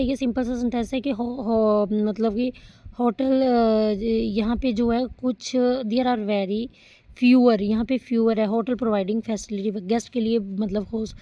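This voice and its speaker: A young woman teaching English grammar in Hindi, reading example sentences slowly and calling her students beta. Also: fairly high pitch, dark tone, no echo, muffled recording. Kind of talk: classroom lecture.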